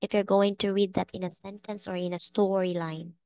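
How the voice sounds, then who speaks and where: A woman's voice: medium pitch, little pitch movement, a little fast, a little mellow, smooth. A woman teaching an online English class, speaking patiently and checking often that her students understand.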